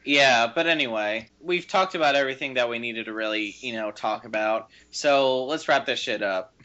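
Wry man with a bright, lo-fi sound. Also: medium pitch, moderate pace, clean tone. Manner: wry, joking asides. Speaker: podcast co-host. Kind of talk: casual group chat. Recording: dull lo-fi sound.

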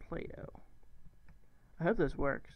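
A man's voice: slow pace, highs cut off. A young man casually commentating his own gameplay, rambling and thinking aloud, often correcting himself and swearing casually. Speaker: gaming channel host.

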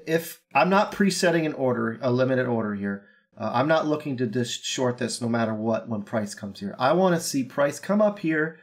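Recorded via webcam in a cramped room, a young crypto trader offers a casual market rundown with a medium-pitched voice roughened slightly by a cold. He's cocky and jokey, with frequent ums and uhs.

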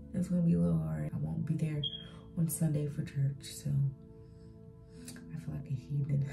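A woman's voice: low voice, creaky. An eighteen-year-old woman chatting casually into her phone camera for a vlog, rambling with lots of fillers. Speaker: vlogger. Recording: music playing underneath.

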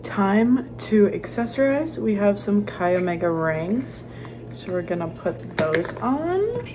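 A woman's voice: mid-range voice, sing-song, takes it slowly. A young woman chatting casually and gushingly to her vlog, in a bubbly sorority-girl manner, on a phone held at arm's length. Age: young adult. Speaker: sorority member vlogger. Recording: phone vlog with music underneath. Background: background music.

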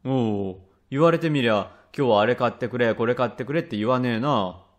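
A man voicing a rough, quick-tempered father from old Edo, speaking blunt old Edo Tokyo speech in a rakugo tale. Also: medium pitch, natural voice. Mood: gruff. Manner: gruff, blunt, grumbling. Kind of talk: rakugo storytelling.

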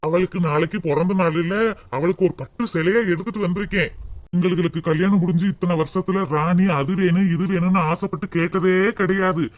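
A man's voice: high-pitched, fairly even intonation, brisk, close to an everyday voice. A man voicing a fond, cheerful young husband in a cartoon, chatty, with a southern Tamil accent. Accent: southern Tamil, Tirunelveli.

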